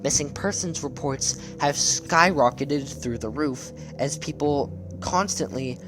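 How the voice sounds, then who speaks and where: A man narrates a video essay with a mid-range voice and a somewhat slow pace, talking over music. His casual, scripted commentary on horror web series comes across as conversational and enthusiastic.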